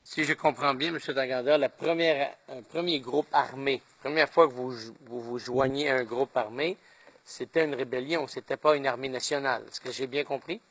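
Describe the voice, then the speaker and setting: A man's voice: mid-range voice, steady tone, normal speed, a bit bright, no echo. Formal male courtroom questioner, dry. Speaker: lawyer questioning.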